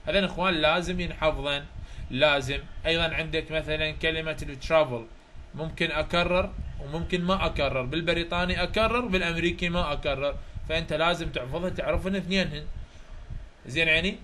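Iraqi-accented male tutor, high, bright and sharp tone, reviews grammar through examples, quizzes his class often. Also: fast talker, a little hiss or hum. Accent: Iraqi Arabic. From Iraq. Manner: explains through examples, often checks if students follow. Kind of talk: chapter review lecture.

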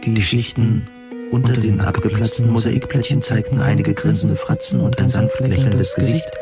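Over plucked guitar music, a man with a mid-range voice reads at a normal speed as an audio drama narrator. The script is a first-person narration of a dystopian science fiction story.

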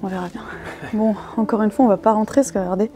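A young woman vlogging chattily outdoors while exploring an abandoned place, often dropping to a hushed voice. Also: medium pitch, steady tone, fast talker. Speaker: urbex vlogger. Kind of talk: casual vlog narration with sponsored segment.

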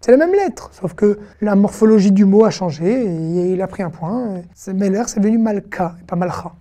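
A woman giving an online lesson, patient and repetitive, saying words slowly and checking in with her students often. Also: mid-range voice, expressive, dark tone. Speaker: Hebrew teacher.

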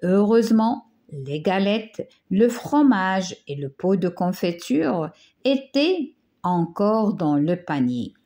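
A woman reads a children's fairy tale aloud at a very slow, deliberate pace. Her voice sits at an ordinary middle pitch, and she now and then stumbles and restarts a word, like a teacher reading to a class. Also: sing-song, warm tone. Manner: slow, careful reading with small slips.

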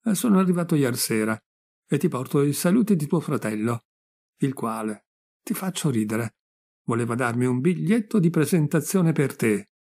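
A jovial, teasing middle-aged man who ribs his old friend without pause, as a gravelly-voiced reader puts him on. The voice has a rough, creaky grain and a lively, joking manner, as in a storybook reading. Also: on the high side. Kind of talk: audiobook reading.

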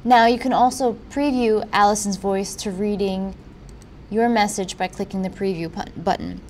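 Woman narrating a software walkthrough, mid-pitched. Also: fairly even intonation, normal speed, slight background noise. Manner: instructional, informal. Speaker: tutorial presenter.

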